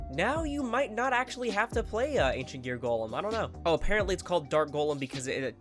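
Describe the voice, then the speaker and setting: Fast-talking congested man. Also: mid-range voice. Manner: rambling, self-correcting, casual swearing. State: congested, nasal from a head cold. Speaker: card game YouTuber. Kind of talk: casual video commentary.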